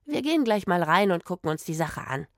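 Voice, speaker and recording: A woman's voice: lowish voice, sing-song, fairly quick, no room sound, clean studio sound. A woman voicing a jovial, confident male wandering musician in a children's audio story, breezy and laughing.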